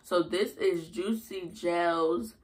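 A young woman with a hoarse voice, chatting casually and rambling in a food review vlog. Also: lowish voice, steady tone, slow, a little hiss or hum. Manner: chatty, rambling with many fillers. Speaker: vlogger.

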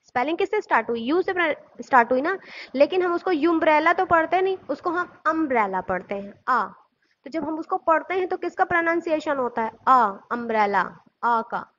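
A woman teacher with a high voice walks through a grammar lesson. She poses questions and answers them herself, spelling words out letter by letter. The recording sounds muffled and lo-fi. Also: lively intonation, a little fast, a bit bright. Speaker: school teacher.

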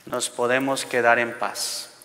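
Priest, long church reverb. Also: male voice, medium pitch. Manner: slow, measured, even prayer cadence. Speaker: priest leading the rosary. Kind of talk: recited prayer and blessing.

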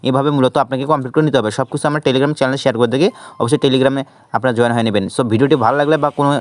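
A man talks through an app tutorial at a very fast clip. He gives steady step-by-step instructions and drops English words into his sentences. His voice sits at an ordinary, mid-range pitch for a man. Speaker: channel host. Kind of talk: screen-recorded app tutorial.

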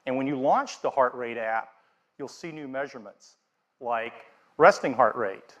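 A middle-aged man giving a keynote on a large theater stage. His delivery is steady and scripted, through a headset mic, with a mid-pitched voice. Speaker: product presenter. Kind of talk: keynote presentation.

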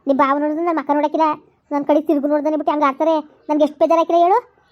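A woman's voice: sits high, little pitch movement, rapid-fire, lo-fi sound, natural voice. A woman with a rural Karnataka Kannada accent, playing an aggrieved, quarrelsome village mother who complains and laments in rhetorical questions.

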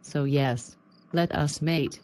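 A performer voicing a stiff, robotic woman who is pretending to be human, with flat, literal, mechanical phrasing, in a comedy sketch. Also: mid-range voice, slow pace, lightly acted. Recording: music playing under the voice. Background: clear music.

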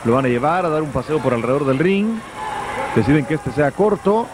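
Male, Mexican accent, wrestling commentator, live play-by-play, slightly high pitch, noisy old video recording. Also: animated, brisk. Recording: noisy old VHS broadcast of arena event. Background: noisy wrestling arena.

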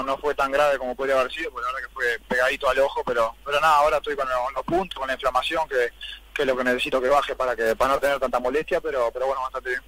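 A man's voice: mid-range voice, sharp tone, poor audio. A young Uruguayan man, a footballer, giving interview answers and repeating words as he searches for the next. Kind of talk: post-match interview answers.

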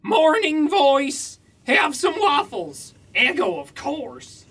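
An actor playing a bratty, loud, syrup-obsessed young man in a comedy radio play, whiny and boastful. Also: very high-pitched, huge pitch swings, slow, exaggerated voice. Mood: gloating.

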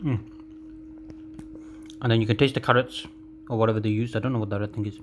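A man's voice: fairly low pitch, steady tone, fast talker. A man giving a casual food review as a vlogger, chewing and eating while he talks. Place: indoors at a table. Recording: clearly noisy home recording with hum.

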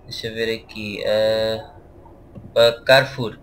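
A man's voice: lowish voice, level tone, slow pace. A man with a European Portuguese accent, casually commentating a truck driving game for viewers. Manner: chatty, addresses viewers directly. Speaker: gaming channel host. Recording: noisy game audio behind voice.

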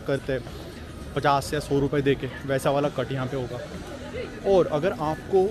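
Young man, walking vlog, action camera at arm's length, street noise behind, fairly high voice. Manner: chatty, explains to viewers while walking. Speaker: vlogger. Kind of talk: casual walking travel vlog. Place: busy city streets at night and train platform, outdoors. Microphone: handheld action camera at arm's length. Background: city street and station noise.

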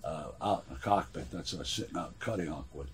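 A man in his sixties with a husky voice, chatting casually in a gruff, wry, halting way. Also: deep voice, slight background noise. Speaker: boat builder and owner being interviewed. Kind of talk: casual chat. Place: small wooden sailboat cabin.

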